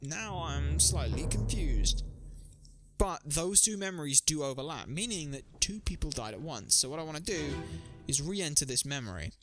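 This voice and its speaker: Excitable man thinking aloud over a game. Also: fairly high pitch, normal speed. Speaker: gaming streamer. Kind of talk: let's play commentary. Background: background music.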